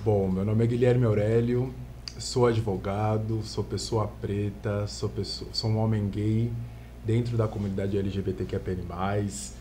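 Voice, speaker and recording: A man from Santos with a Brazilian Portuguese accent, a lawyer explaining his field in calm, measured terms as a podcast guest. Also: fairly low pitch, slight background noise. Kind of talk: podcast interview. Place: podcast studio.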